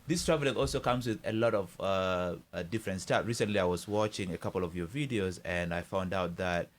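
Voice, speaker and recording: Host: man from Uganda, lower voice, halting, slowly works his way into each question. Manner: halting, many restarts before his questions. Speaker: interview host. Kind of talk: casual interview questions.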